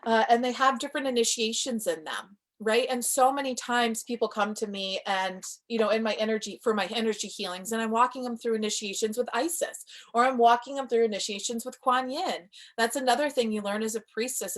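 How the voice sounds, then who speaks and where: A woman giving a casual, enthusiastic live-stream class on spiritual practice, chatting to viewers and answering their comments. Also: on the high side. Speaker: spiritual teacher.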